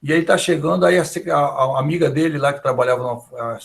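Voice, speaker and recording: Speaking fairly quickly in a steady, higher-pitched voice with vocal fry, this Brazilian Portuguese-accented professor lectures online in a conversational way. He frequently tags on little questions to check in with his class.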